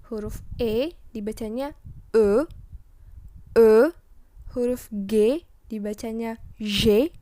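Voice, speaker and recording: A young woman teaching a French class in a friendly, chatty way, slowly spelling out letters and sounds. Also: fairly high pitch, a little mellow. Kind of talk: online class lesson.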